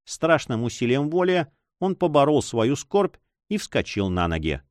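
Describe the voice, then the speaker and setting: A man narrating an adventure novel in an expressive, dramatic reading. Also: mid-range voice, a little slow, no room sound, studio quality. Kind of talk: audiobook reading.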